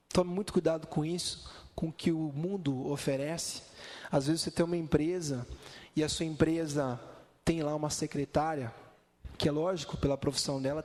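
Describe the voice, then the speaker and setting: A man preaches in a large church hall, his voice slightly high and carried by a long reverb. He tells stories with animation and acts out the people in them. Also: darkish tone. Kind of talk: sermon.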